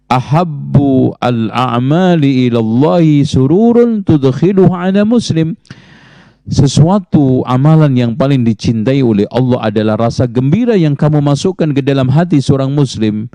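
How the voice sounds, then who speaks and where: A man answering religious questions as a teacher, in a measured, explanatory way that cites Arabic sayings. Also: mid-range voice, dark tone, dry recording. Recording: muffled lo-fi audio.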